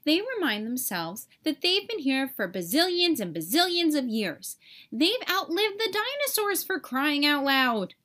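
In a high voice, a woman reads a children's storybook aloud, taking it slowly and expressively and leaning into dramatic emphasis.

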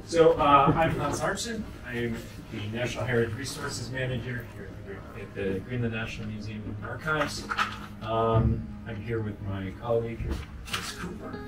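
A man's voice: mid-range voice, moderate pace, music in the background. A man, a museum heritage manager, courteously introducing an event in a small meeting room. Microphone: far camera. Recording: echoey room from far off.

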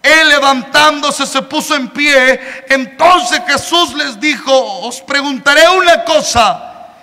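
A man preaches a sermon in a church hall, his voice pitched very high. He swings from forceful, bright shouting to hushed, close asides and calls his listeners "hermano" again and again. The voice rings with a long hall reverb. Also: slow pace. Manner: swings between loud shouting and quiet, intimate asides.

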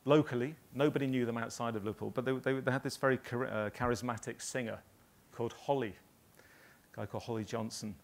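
A man in his fifties from northern England spins loose, halting anecdotes to a live audience, pausing often mid-sentence. His voice has a gravelly edge and sits at a middling pitch. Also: fairly even intonation. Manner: rambling anecdotal storytelling with many ums. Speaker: graphic designer giving a talk.

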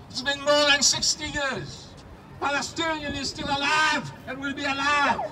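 A man's voice: very high voice, pushed and bright, distant mic, low-quality recording. A man giving an impassioned, declamatory protest speech in a rhetorical style, as if leading a crowd. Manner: rhetorical, declamatory, leads chants. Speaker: protest speaker. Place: outdoors at a street protest. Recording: outdoor rally PA, street noise.

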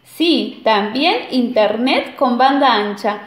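A woman voicing a sly, know-it-all male skunk who sounds sure of himself and deadpan, recorded in an echoey room. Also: fairly high pitch, takes it slowly. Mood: smug.

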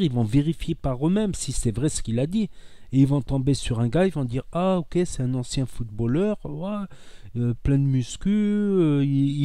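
Dark-voiced man with a southern French accent. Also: mid-range voice, no room sound, clean studio sound. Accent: southern French, Narbonne. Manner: rambling, repeats himself, heated and earnest. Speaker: social media content creator. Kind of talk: casual monologue to camera.

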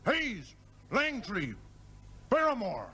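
A man's voice: very high-pitched, huge pitch swings, takes it slowly, sharp tone, slightly rough, exaggerated voice. An actor voicing a cantankerous, pompous, lecherous very old man, a heckler in a puppet comedy, with an aged, grumbling voice. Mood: indignant. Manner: indignant, pompous, crotchety. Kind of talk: puppet comedy character acting. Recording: noisy old TV comedy soundtrack.

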